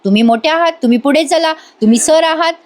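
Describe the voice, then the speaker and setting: A woman's voice: sits high, fast, pitched above the performer's own voice, close to an everyday voice. A woman voicing a stubborn young female student, pleading and insisting with her teacher.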